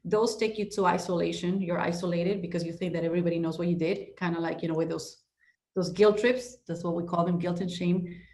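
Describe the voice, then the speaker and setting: Her voice is fairly low, steady, mellow, and a little fast, with slight background noise. She's a middle-aged Ecuadorian real estate broker being interviewed on a podcast, speaking with passion and emphasis, full of restarts and "you know"s.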